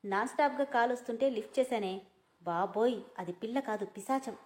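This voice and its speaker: A woman voicing a hot-tempered, sharp-tongued young man who scolds angrily. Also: a little high, a little fast, close to an everyday voice. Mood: indignant. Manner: angry, scolding.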